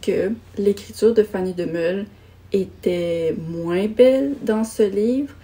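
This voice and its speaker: Speaking slowly in a dark, mid-range voice, a young adult woman with a Quebec French accent reviews books for her vlog. Her chat is casual and self-deprecating, with the occasional small rant.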